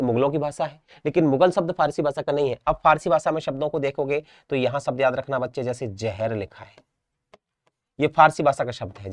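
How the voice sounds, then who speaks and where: A young man from India with a Rajasthan Hindi accent, teaching an exam-prep class, repeating words and checking understanding. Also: mid-range voice. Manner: repetitive, drills each word, checks understanding.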